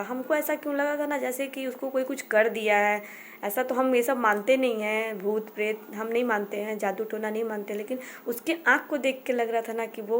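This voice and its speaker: Higher-voiced woman. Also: slight background noise. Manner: halting, circles back, repeats herself. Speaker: mother telling her family's story. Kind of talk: personal storytelling.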